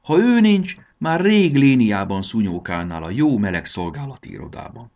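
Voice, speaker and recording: A man's voice: on the low side, sing-song. A man reading a storybook aloud and voicing a short-tempered grown man who leads a trip and snaps back indignantly. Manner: snapping, indignant.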